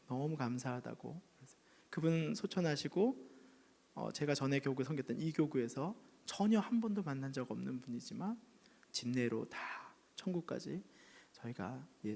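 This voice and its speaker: A man's voice: mid-range voice, moderate pace, vocal fry, breathy edge. A male pastor who preaches a sermon by telling a story, acting out the people in it and sometimes dropping to a whisper. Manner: animated, acts out voices and drops to a whisper at times. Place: church sanctuary. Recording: long church reverb.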